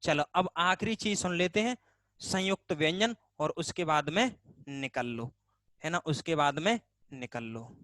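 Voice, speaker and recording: A man's voice: fairly high pitch, animated, unhurried, fairly bright tone, dry recording. A male teacher gives a casual online grammar class, asking the class questions and answering them himself, repeating key terms to drill them. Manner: casual and chatty.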